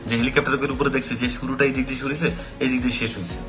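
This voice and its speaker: A man's voice: medium pitch, fairly even intonation, very fast, over music. A man who teaches English, speaking casually to camera, full of rhetorical questions and mixing in English phrases. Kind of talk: casual opinion talk to camera.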